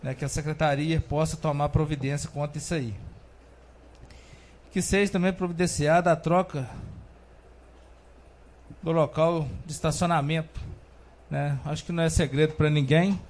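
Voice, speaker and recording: A man's voice: fairly high pitch, fairly even intonation, normal speed, pauses often, darkish tone. Plainspoken councilman in a council chamber. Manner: formal greetings, plainspoken. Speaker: city councilman. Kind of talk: council floor speech.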